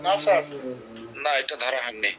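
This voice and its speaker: A man's voice: medium pitch, lively intonation, moderate pace, dull audio, over music. A man, a student, giving brief polite answers to his teacher in an online class.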